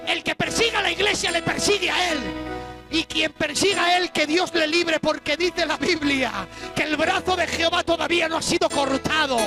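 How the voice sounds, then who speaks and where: A preacher delivers a dramatic sermon in a church, his voice pitched high. He punches some lines out at full force and drops others to a near-hush. Music plays clearly behind him. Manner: emphatic, dramatic, swings between loud exclamations and hushed asides.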